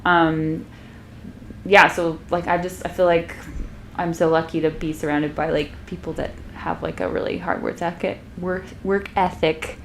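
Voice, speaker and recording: Young woman podcast guest, lowish voice, rambling and laugh-prone. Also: flat delivery, moderate pace, creaky, fairly bright tone, slight background noise. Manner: rambling, many fillers and restarts, laughs often. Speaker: podcast guest, violist and comedian. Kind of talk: casual interview chat.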